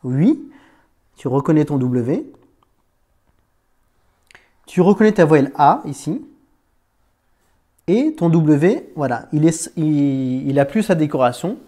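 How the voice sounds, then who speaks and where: A man teaching a beginner to read Arabic letters, patient and informal, often checking understanding and slowly sounding out syllables. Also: on the high side, sing-song, dark tone. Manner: patient, informal, talks to one learner as "tu", checks understanding with "d'accord?"; slows down and stretches words to sound them out. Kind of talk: Arabic reading lesson.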